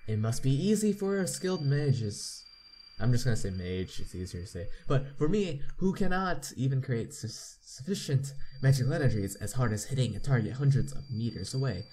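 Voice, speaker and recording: The playthrough host is a man with a medium-pitched, dark voice and lively intonation who reads the game's text aloud, dropping in remarks as he goes. He stumbles often and repeats misread words, and there's slight background noise.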